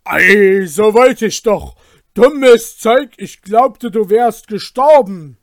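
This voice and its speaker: A greedy knightly brother blusters and scolds in loud outbursts, as a male storyteller plays him. The pitch sits high and the sound is dry and close-miked. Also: animated, slow, dry recording, heavily acted. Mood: startled bluster.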